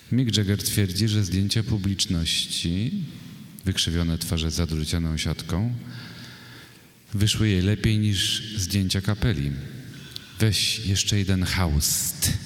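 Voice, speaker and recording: A man giving a poetry reading in slow, measured recitation, with dry asides to the audience. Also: sits low. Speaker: poet reading his poems. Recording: echoey hall with long reverb.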